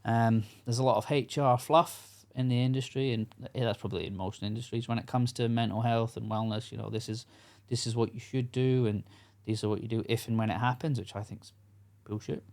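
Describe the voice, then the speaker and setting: A medium-pitched, darkish voice moves fairly quickly with hardly any pauses and fairly even intonation. It belongs to a middle-aged Scottish man, a construction workers' coach guesting on a podcast, who speaks earnestly and frankly in a casual interview, with many fillers and restarts.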